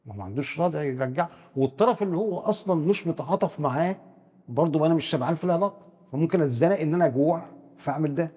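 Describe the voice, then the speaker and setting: A psychiatrist appearing as a guest expert, an Egyptian man with an Egyptian Arabic accent, explains psychology rapidly, using first-person examples and frequently stammering into quick restarts. His voice sits a bit high yet sounds dark and husky, and the room leaves a long trailing reverb.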